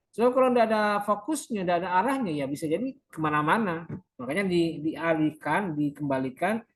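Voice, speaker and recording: A male university lecturer walks his class through counseling techniques. He gives each term in English, then restates it in translation. He often asks rhetorical questions and answers them himself. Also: on the high side. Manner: explanatory, repeats terms in English then Indonesian.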